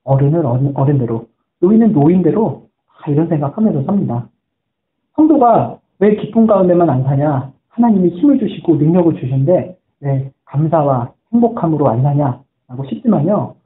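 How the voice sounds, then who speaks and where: A man's voice: a little high, sing-song, moderate pace. A man preaching a sermon as a pastor, earnest and telling stories in which he quotes people's words. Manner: earnest storytelling, quoting voices. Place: church sanctuary. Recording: echoey room on a tinny phone-like line.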